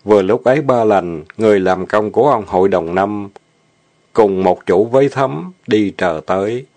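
Low-voiced male story narrator. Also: moderate pace, darkish tone.

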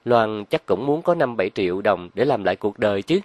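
A man reading a crime novel aloud as narrator, in a measured storytelling manner. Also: fairly low pitch, expressive, a little mellow, no echo.

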